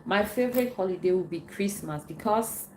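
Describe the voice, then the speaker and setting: In a laid-back live session, a Cameroonian host responds to her viewers' questions slowly, circling back over her words as she gropes for what to say. Her voice sits in the mid range. The audio echoes around the room with faint background noise.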